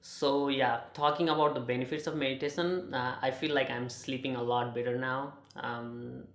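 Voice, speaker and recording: Nepali-accented young man, gravelly and flat. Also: medium pitch, roomy sound. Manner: halting, many fillers and restarts. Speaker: student sharing his experience. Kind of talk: personal testimonial.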